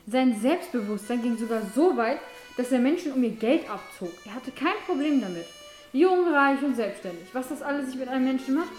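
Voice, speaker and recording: A woman's voice: high voice, expressive, fairly quick, a little mellow. A woman playing a bitter vengeful young woman. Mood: probing. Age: young adult. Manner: cold, accusing, cutting. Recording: echoey room with music behind.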